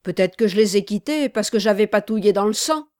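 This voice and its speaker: A woman voicing a coarse male accomplice who answers in mumbled, gruff retorts. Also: medium pitch, expressive, fairly quick, darkish tone, no room sound, studio quality, lightly acted. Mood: evasive.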